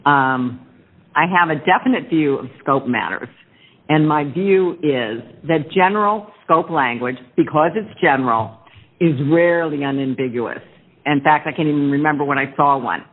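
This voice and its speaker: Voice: medium pitch, moderate pace. A presiding judge questioning counsel in an informal, plain-spoken way. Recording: thin phone-like courtroom audio.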